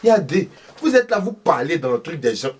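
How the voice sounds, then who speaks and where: Comedy role: a man playing a husky, fiery older Ivorian mother, high and very lively, from a distant mic. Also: fairly quick. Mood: indignant. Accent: Ivorian French. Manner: loud, insistent, exclaiming.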